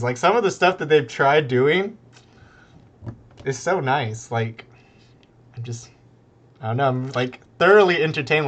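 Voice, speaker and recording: A man casting a strategy game tournament live, rambling casually with lots of fillers and frequent laughter. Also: medium pitch. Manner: laid-back and rambling, laughs often, many fillers. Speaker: esports caster.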